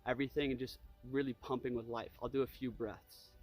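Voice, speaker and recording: A man's voice: medium pitch, little pitch movement, fairly quick, no echo, soft background music. A man teaching breathwork in a casual, easygoing way, guiding with repeated cues and loose, conversational filler phrases. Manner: easygoing, loose phrasing peppered with "you know", "like" and "right?". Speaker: breathwork and energy practice instructor. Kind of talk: casual spoken instructional demonstration.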